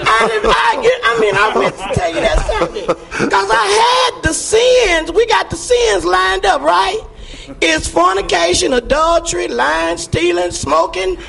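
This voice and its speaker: High, gravelly woman with a missing tooth. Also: measured pace, faint music behind. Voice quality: gap-toothed speech from a missing front tooth. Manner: emphatic, folksy, animated storytelling. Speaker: church member giving testimony. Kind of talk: spontaneous personal testimony. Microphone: handheld or stage microphone.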